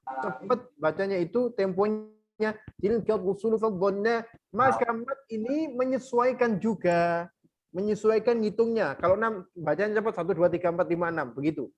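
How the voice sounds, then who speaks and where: A man teaching Quran recitation rules in a workshop, explaining and then chanting verses slowly while counting beats aloud. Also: high-pitched. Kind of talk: online workshop lesson with recited examples.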